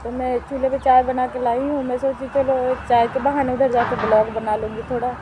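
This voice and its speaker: A woman's voice: high-pitched, level tone, brisk, background noise. A middle-aged woman talking to her viewers in a home vlog, plaintive and complaining, often going back over the same points. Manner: plaintive, complaining, repeats herself. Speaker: vlogger. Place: at home by a wood stove, outdoors.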